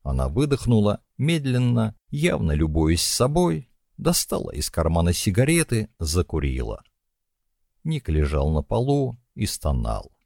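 A very deep male voice reads a dramatic story with wide, lively swings in pitch. The recording is close and dry, with no room sound at all. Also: unhurried, creaky, no room sound. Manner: expressive, dramatic reading. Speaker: audiobook narrator. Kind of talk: scripted dramatic narration.

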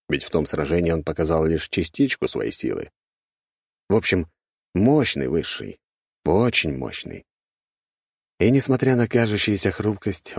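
A man reads an audiobook in a low, husky voice. His intonation rises and falls widely as he tells the story. The sound is dry and close to the mic. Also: dry recording. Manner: expressive storytelling. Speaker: narrator. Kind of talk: audiobook narration.

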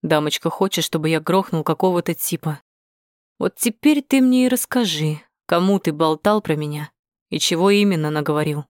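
A woman's voice: sits low, moderate pace, no room sound, clean studio sound, natural voice. A woman voicing a menacing, coarse male hitman who hisses threats. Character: menacing male hitman thug, hissing, crude.

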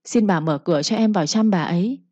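A woman voicing a loyal old nanny who talks in a brisk, soothing and deferential way, in a storybook reading. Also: medium pitch, dark tone, no room sound, highs cut off, natural voice. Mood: caring.

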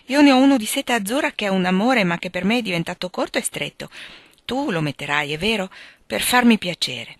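A woman's voice: lowish voice, fairly bright tone, no room sound. A woman voicing a sentimental, condescending rich teenage girl with a sugary, affected tone in an audiobook.

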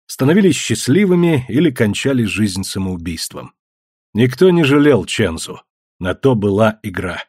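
A man reads an audiobook with a dramatic, expressive delivery. His voice is husky and his pitch moves a lot. The recording is dry and close, with no room sound. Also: moderate pace, dry recording. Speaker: narrator. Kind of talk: audiobook narration.

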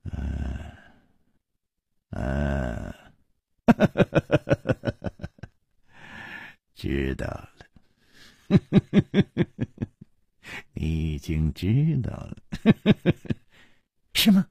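A man voicing a proud, cornered male gang chief who laughs mockingly and drawls low and slow. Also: wildly swooping pitch, vocal fry, slightly rough, no echo, lo-fi sound, full character voice.

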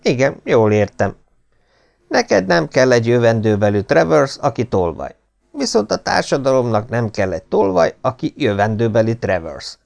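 A cheeky young gentleman thief, as a male reader plays him, mocking and insolent toward his elders. His voice is gravelly and lightly raised, with a lively, playful lilt. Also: medium pitch.

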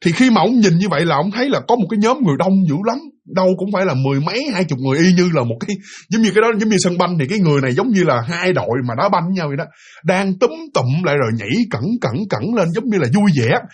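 A man with a Southern Vietnamese accent, casually retelling a ghost story in an animated way, full of fillers and repeated words. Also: high-pitched, racing, slightly rough.

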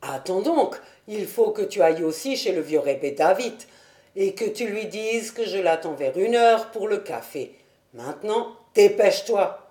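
A woman voicing a jovial, generous man who calls out loudly, read for a storybook recording. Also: mid-range voice, animated, normal speed, reverberant, lightly acted. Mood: hearty. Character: jovial hearty bachelor host, generous man.

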